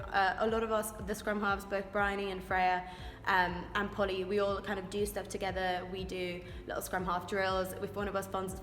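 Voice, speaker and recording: With a mid-range, fairly bright voice, a young woman from Wales who plays scrum-half in rugby gives keen, informal interview answers. Her manner is chatty and eager. She's recorded in a reverberant room with a long echo and music in the background.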